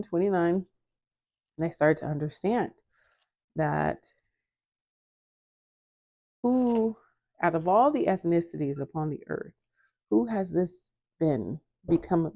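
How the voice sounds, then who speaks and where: Baking in her home kitchen, a creaky-voiced vlogger chats casually to the camera as she tells a lively story, leaping up in pitch to act out the voices she quotes. The audio is clean and studio-like, without room sound.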